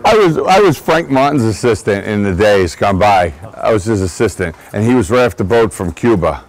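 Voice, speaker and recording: A man's voice: lowish voice, animated, moderate pace, poor audio. A man, a racehorse trainer giving a guided barn tour outdoors, chatty and digressive, often restarting his sentences. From Long Island, New York. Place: outdoor horse barn shed row.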